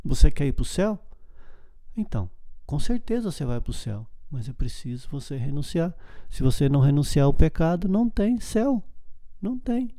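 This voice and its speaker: A man's voice: mid-range voice, lively intonation, fairly quick, warm tone, no room sound, clean studio sound. A man preaching an informal evangelical sermon, urging listeners with repeated phrases and frequent tag questions. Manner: exhorting, repetitive, asks "né?" and "tá?" often.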